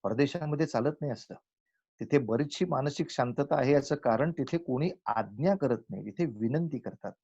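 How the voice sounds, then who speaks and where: A man giving a spiritual lecture, telling folk tales and slowly chanting verses between his explanations. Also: medium pitch, vocal fry, warm tone, slightly rough, lo-fi sound. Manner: acts out village characters in a folk tale, chants verses slowly.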